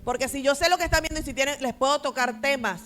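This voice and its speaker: A woman's voice: high voice, quick pace, fairly bright tone, faint music behind. A middle-aged woman pastor preaching an emphatic sermon to her congregation, acting out short family dialogues as she goes.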